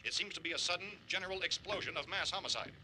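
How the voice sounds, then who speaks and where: An actor playing a formal radio newsman reading an emergency bulletin in a 1960s film, with crisp announcer delivery. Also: high voice, fast, very noisy, close to an everyday voice. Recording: old film soundtrack under music.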